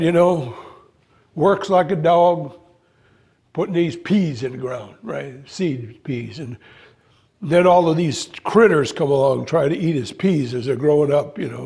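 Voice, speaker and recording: An older man telling a spiritual story in an animated way, acting out voices and exclamations. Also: on the high side, breathy edge. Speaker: spiritual speaker. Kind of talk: storytelling talk.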